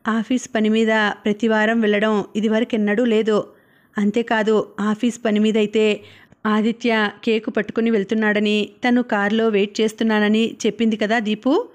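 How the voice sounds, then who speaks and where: A woman reading a novel aloud as an audiobook narrator, with steady storytelling. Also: mid-range voice, moderate pace.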